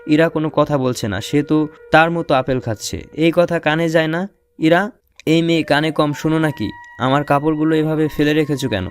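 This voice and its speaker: A man's voice: fairly high pitch, normal speed. A young man narrating an audio romance story in first person, playful and teasing. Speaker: narrator and lead voice actor.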